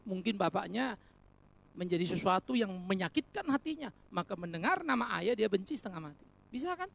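Preacher, sermon; highly animated pitch, rhetorical, wry humor between serious points. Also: a little fast, creaky. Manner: animated, rhetorical, addresses congregation as brothers and sisters; jokey asides amid earnest preaching.

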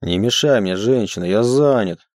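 A man reading an audiobook, voicing a huge, gruff bear-shifter husband who growls and gives orders, in a dry room. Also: mid-range voice, expressive, normal speed, mellow, no echo, natural voice. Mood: gruff teasing. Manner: commanding, bossy. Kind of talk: audiobook character voice.

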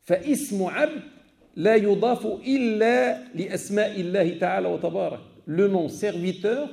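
A man's voice: high-pitched, fast, creaky, darkish tone. A man giving a religious lesson in a mosque, careful and explanatory, stating each point and then restating it. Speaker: mosque teacher. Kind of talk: religious lecture.

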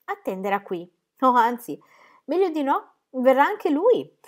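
A woman reading aloud and voicing a bold, teasing aristocratic duchess in a high, lifted voice. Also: sing-song, unhurried. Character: flirtatious, laughing aristocratic duchess, middle-aged woman.

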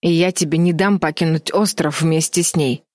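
An angry boy shouts his outrage in a raised voice, as a woman reading an audiobook puts him on. He sounds brave and indignant, recorded close and dry. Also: deep voice, fairly even intonation, normal speed, no room sound, natural voice. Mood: outraged. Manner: loud and outraged. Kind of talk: audiobook character voice.

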